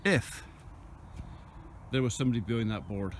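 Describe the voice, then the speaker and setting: Man, medium pitch, informal phone video vlog, plain-spoken explaining, outdoors, noticeable vehicle rumble. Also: normal speed. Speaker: farmer and video host. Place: outdoors on farmland. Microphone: handheld phone.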